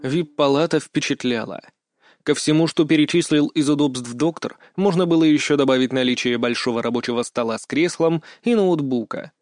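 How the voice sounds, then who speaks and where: A man's voice: a little high, a little fast, a little mellow, no echo, faint music behind. Man reading an audiobook, dry. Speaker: narrator. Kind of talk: first-person audiobook narration.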